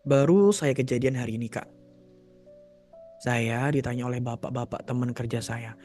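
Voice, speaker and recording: A man mentors young people during a live Q&A, reading their questions aloud and answering with casual, direct advice, sometimes putting on mock voices to quote. His voice is medium-pitched and warm at a moderate pace, with faint music in the background.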